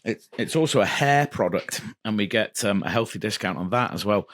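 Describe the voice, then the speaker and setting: A man's voice: lowish voice, animated, brisk, a bit bright, dry recording. A man co-hosting a podcast, teasing his partner in jokey, casual banter. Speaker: podcast co-host. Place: indoor podcast studio, filmed.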